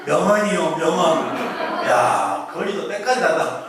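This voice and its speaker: A man's voice: on the high side, expressive, measured pace, a loud crowd. A man giving a chatty public lecture, joking and quizzing his audience. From Korea. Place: lecture hall. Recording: very echoey hall, voice from far off.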